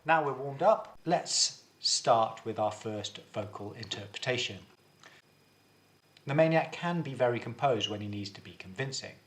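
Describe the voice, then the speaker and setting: A man's voice: mid-range voice, animated, measured pace, fairly bright tone. Man teaching a drama class. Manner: clear, instructive, guiding students step by step. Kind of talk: video lesson.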